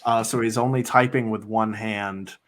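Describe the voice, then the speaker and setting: A man narrating as the game master of a tabletop game, relaxed and rambling with many fillers. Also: fairly low pitch, moderate pace.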